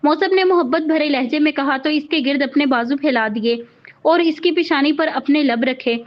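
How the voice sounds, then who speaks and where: A woman with a high voice reads a romance novel aloud, keeping a steady storytelling manner. The audio is slightly dull and muffled. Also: normal speed. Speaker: novel reader.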